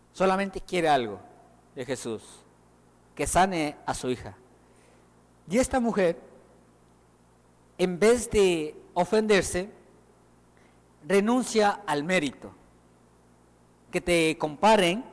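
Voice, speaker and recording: High-voiced man preaching in an echoing hall. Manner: animated, acts out quoted voices. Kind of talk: sermon. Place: church hall. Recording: long reverb of a church hall.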